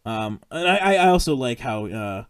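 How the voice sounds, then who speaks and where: A man chatting casually on a podcast, rambling through his thoughts with plenty of filler words, restarts and swearing. His pitch sits in the middle, but it swings around a lot as he talks. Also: expressive, moderate pace, clear, resonant tone. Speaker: podcast host. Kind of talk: casual film discussion.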